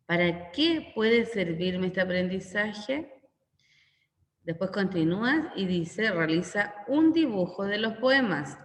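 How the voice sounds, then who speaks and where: A Chilean woman teaching a primary school lesson, going through the worksheet and repeating each question in plainer words. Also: mid-range voice. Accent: Chilean Spanish. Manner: instructional, repeats questions and explains. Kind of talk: recorded class walkthrough. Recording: echoey room with long reverb.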